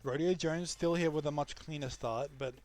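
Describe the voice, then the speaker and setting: A man's voice: on the high side, moderate pace, darkish tone. Chatty New game caster, man. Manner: chatty, frequent restarts and fillers. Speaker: esports caster. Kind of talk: live game commentary.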